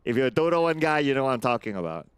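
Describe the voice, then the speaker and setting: A man's voice: medium pitch, very animated, racing, clean tone, no room sound. A man co-casting an esports event, teasing his partner in casual banter. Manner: teasing, playful quizzing. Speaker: esports caster.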